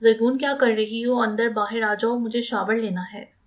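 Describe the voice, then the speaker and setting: A woman reading the lines of a serious, teasing young husband in an audiobook, in a grave, low-key way. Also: fairly even intonation, moderate pace, lightly acted. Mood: worried.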